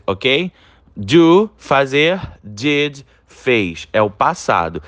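A man teaching English in a recorded online lesson, with a medium pitch and an unhurried, patient delivery. He reads each English example very slowly, translates it, and keeps reassuring the learner with short tag questions. The recording is dry and close. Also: a bit bright, no echo. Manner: ends phrases with reassuring tags.

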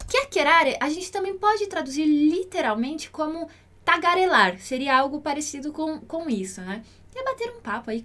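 A woman teaching an online language lesson, modeling pronunciation by repeating words slowly and clearly. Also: high voice, fairly bright tone. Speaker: Italian teacher.

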